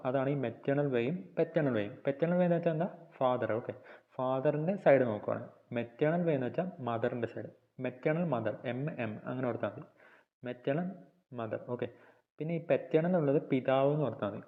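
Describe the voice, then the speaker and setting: Male Malayali teacher, mid pitch, patient recap-and-quiz delivery; narrow phone-quality audio. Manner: repeats points and quizzes the viewer; reads English lines slowly and deliberately. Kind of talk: textbook lesson explanation.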